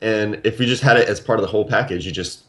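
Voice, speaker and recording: A man with a low voice in casual panel chat. He talks calmly and reasons things out step by step. He often backs up his points with examples. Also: fast. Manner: calm, reasoning, explains with examples. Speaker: podcast co-host.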